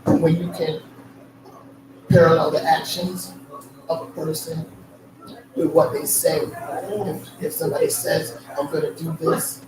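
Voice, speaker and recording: Hoarse man speaking slowly. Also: fairly high pitch, flat delivery. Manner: deliberate, thoughtful. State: hoarse, losing his voice. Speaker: panel guest. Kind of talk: casual group conversation. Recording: roomy, distant mic with background noise.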